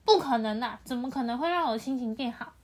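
A woman's voice: fairly high pitch, quick pace, natural voice. A woman reading as a sulky, cross little boy. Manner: complaining, sulky.

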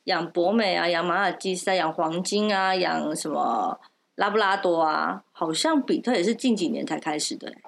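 A woman's voice: on the low side, normal speed, creaky. A woman with a Taiwanese accent chatting casually as a podcast co-host, playful and curious, often asking short questions. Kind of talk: casual chat.

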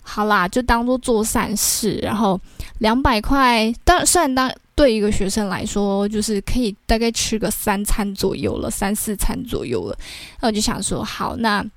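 Telling a personal story on her podcast, this young host speaks with a Taiwanese Mandarin accent and keeps adding filler words to the ends of sentences. Her mid-range voice moves at a moderate pace, captured in a dry, studio-quality recording.

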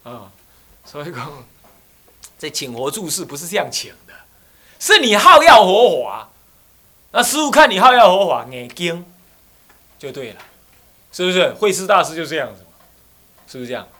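A man's voice: sits high, sing-song, moderate pace, long pauses, pushed and bright. A man with a Taiwanese accent, an abbot giving a joking dharma lecture who often mimics people and slips into Taiwanese dialect. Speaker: Buddhist abbot.

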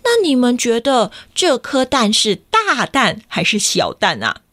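A woman's voice: fairly high pitch, huge pitch swings, measured pace, fairly bright tone, dry recording, studio quality. Playful woman storyteller reading to kids. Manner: playful, sing-song, asking the children questions. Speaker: children's storyteller. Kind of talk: reading a picture book aloud to children.

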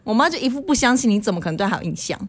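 A woman's voice: on the high side, rapid-fire. A woman in her thirties from Taiwan, co-hosting a casual podcast and telling childhood ghost stories, acting out quoted voices. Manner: animated storyteller acting out quoted voices, laughs often. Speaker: podcast co-host.

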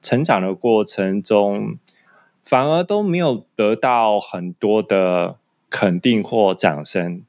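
A man's voice: lowish voice, slow pace, a little mellow, lo-fi sound. A man with a Taiwanese Mandarin accent talking casually in a conversation. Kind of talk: casual chat.

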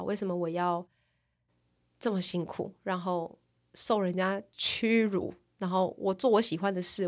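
A woman, telling personal stories on a podcast in a candid, reflective way. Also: mid-range voice. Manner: candid and reflective, tags sentences with a trailing "这样". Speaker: podcast speaker. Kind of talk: personal storytelling podcast talk.

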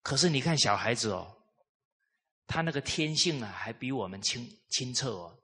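A man giving a live lecture on traditional culture, telling lively stories and putting rhetorical questions to the audience. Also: medium pitch, moderate pace, breathy edge.

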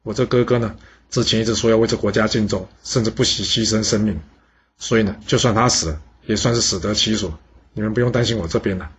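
A man's voice: fairly low pitch, steady tone, quick pace, fairly bright tone, slight background noise, lightly acted. A man voicing a scheming male minister who talks in an offhand, dismissive way. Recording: dull lo-fi sound.

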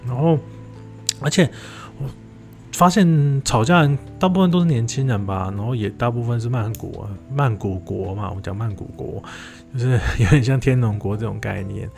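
A man giving relaxed, casual commentary, with lots of fillers and restarts. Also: mid-range voice, moderate pace, creaky, soft background music.

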